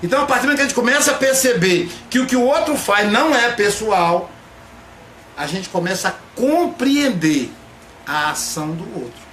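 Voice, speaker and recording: A man, a psychoanalyst, giving a reflective spoken talk and drawing out key words slowly for emphasis. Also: high voice, expressive, fairly bright tone. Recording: echoey room, faint background noise.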